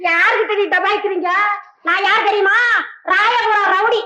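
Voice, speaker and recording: An actress playing a loud, quarrelsome married woman, shouting insults in a 1970s film comedy. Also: very high voice, steady tone, normal speed, very noisy. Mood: bragging.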